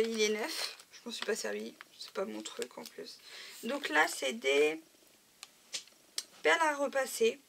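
A woman with a fairly high, gravelly voice chats her way through a casual show-and-tell of craft supplies. She keeps filling gaps with "euh" and "voilà". The recording is noisy, with packets crinkling behind her. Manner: chatty, often says "euh" and "voilà". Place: home craft room.

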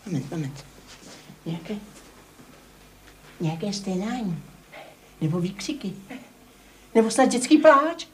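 An actress playing a fussy, bossy older woman neighbor in a 1980s TV comedy, dramatic and hushing. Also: medium pitch, sing-song, pauses often, slight background noise, natural voice. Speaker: nosy neighbor.

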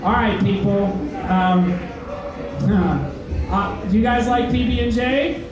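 A man's voice: high-pitched, slow pace, over music. A young man doing a stand-up set in a comedy club, self-deprecating and hesitant, with lots of uhs. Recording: echoey club, mic heard from far off. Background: crowd laughter and heckles.

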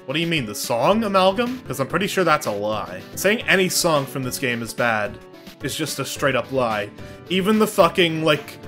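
Lively, bright-voiced male streamer. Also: fairly high pitch, moderate pace. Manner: jokey, swears, reacts loudly with laughs and yelps. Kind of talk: casual gameplay commentary. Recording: game music behind the voice.

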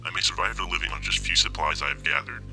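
A man playing a mysterious unknown radio broadcaster who pleads for survivors to answer. His voice runs through a deep pitch-shifting voice changer. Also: sharp tone, faint music behind, heavily acted, low-quality recording. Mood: pleading. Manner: slow, pleading radio appeal.

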